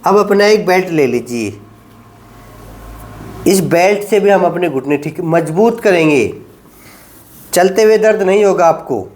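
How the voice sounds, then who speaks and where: A middle-aged male yoga teacher with a fairly high voice leads a knee exercise lesson. He gives firm, practical directions and checks in often with short confirmations. He counts out each hold slowly and steadily. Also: lively intonation, darkish tone. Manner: directive, repeats "ठीक है" often, counts slowly during holds.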